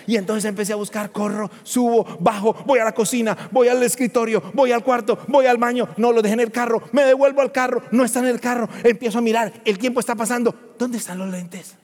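Pastor, male, high-pitched voice, dramatic sermon delivery, church reverb. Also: fairly even intonation, brisk, few pauses. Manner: swings from hushed to shouted, dramatic storytelling.

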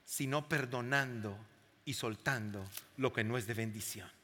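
A man's voice: medium pitch, a little slow, bright, forceful tone. A man preaching a sermon to a congregation, emphatic and full of questions to the crowd. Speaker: pastor. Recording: long hall reverb.

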